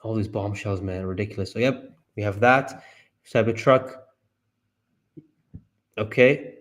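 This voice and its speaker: Excitable man reacting live to numbers. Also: a little slow. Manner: excitable, talks to himself, bursts into high yelps. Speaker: stock market streamer.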